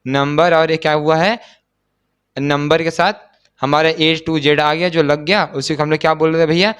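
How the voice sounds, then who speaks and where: A man's voice: on the high side, fairly even intonation, moderate pace, a bit bright, smooth. A young man tutoring algebra in a joking, teasing way, full of rhetorical questions and banter. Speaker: math tutor. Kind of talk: joking video lesson.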